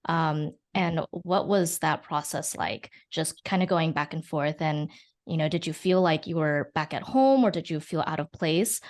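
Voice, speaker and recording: A woman's voice: low voice, measured pace, darkish tone. A woman interviewing a guest, asking long, winding questions with "you know" fillers. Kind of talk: podcast interview.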